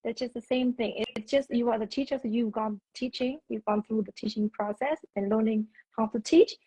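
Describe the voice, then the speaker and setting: Speaking fairly quickly in a somewhat high, dark voice with a breathy edge, a young woman with a Vietnamese accent explains her opinions with care. She's an English teacher and guest on a casual video call, restarting words as she goes; the dull lo-fi audio has no room sound.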